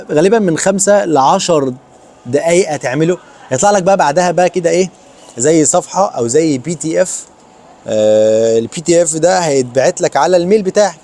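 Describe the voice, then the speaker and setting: Young Egyptian man vlogging, very fast delivery, dark mellow tone, slightly high voice. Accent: Egyptian Arabic. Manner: rapid, animated, mixes English words into Arabic. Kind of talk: casual advice vlog.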